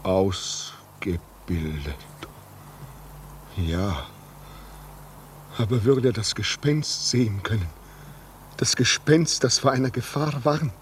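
An actor playing a lonely, self-taught railway signalman who is haunted by a ghost, in a classic radio play, speaking slowly and gravely. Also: fairly low pitch, slight background noise. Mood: agitated. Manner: slow, grave and brooding, rising when agitated. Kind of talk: classic radio drama acting.

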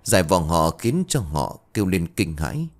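A man narrating a ghost story with an expressive, dramatic reading. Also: low voice, normal speed.

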